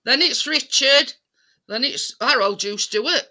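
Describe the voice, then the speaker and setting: An older man in his sixties with a high, very bright voice, hosting a relaxed chat with friends. He talks haltingly, starting sentences over before getting them out. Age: 60s. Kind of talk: casual group chat.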